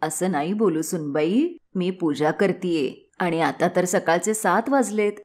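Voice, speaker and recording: A woman voicing a gentle, patient old village mother-in-law who speaks softly and slowly. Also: medium pitch, expressive, natural voice. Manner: soft, slow and soothing.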